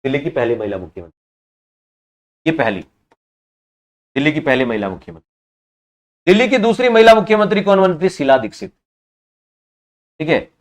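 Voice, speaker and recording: In his online exam-prep class, a man questions students and restates each reply, now and then scolding them for dragging their feet. His voice is a little high.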